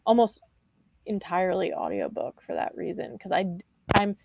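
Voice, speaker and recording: A woman's voice: fairly low pitch, huge pitch swings, normal speed, creaky, no room sound, lo-fi sound. A woman chatting casually with a friend on a video call, restarting her sentences often. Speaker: readathon co-host.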